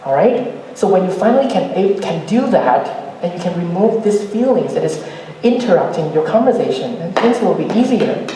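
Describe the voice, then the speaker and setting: A man's voice: high voice, sing-song, moderate pace, mellow, far from the mic, slight background noise. Earnest man speaking in an echoey hall. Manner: earnest, asks the audience rhetorical questions. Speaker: speaker at a youth ideas meetup. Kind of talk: motivational stage talk.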